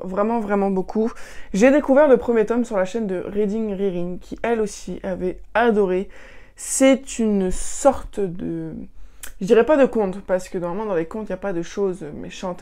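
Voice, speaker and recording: A woman's voice: mid-range voice, darkish tone. Chatty woman book vlogger, hesitant. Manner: chatty, hesitant, many fillers and restarts. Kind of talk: casual monthly reading wrap-up.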